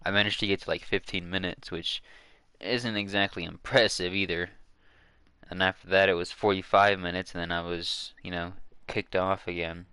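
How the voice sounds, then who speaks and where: A man's voice: deep voice, fairly even intonation, moderate pace, sharp tone, clear, resonant tone, dry recording. A man chatting casually to his viewers while waiting on a live stream, rambling with lots of fillers and restarts, hiccuping now and then.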